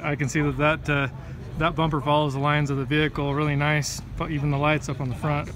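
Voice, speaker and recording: A man's voice: a little high, little pitch movement, quick pace, background noise. A man interviewing an exhibitor at an outdoor expo, keeping it going with short prompts. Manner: short encouraging prompts like "okay" and "perfect". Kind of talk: casual on-site interview.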